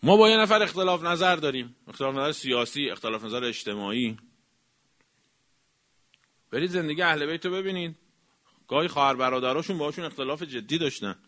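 A man delivering a religious lecture, emphatic, swinging from raised exclamations down to quiet, low remarks. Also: lively intonation, long pauses. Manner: emphatic, rising to exclamations then dropping low. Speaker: cleric.

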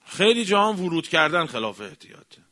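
A man delivering a religious lecture, emphatic, swinging from raised exclamations down to quiet, low remarks. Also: big pitch swings. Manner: emphatic, rising to exclamations then dropping low. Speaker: cleric.

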